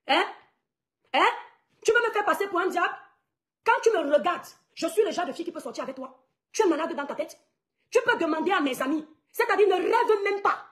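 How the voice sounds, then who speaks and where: A young woman from Cameroon, a blogger, ranting indignantly at her followers, mocking her rivals and repeating her points for emphasis. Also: high voice. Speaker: online blogger. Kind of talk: angry rant to followers.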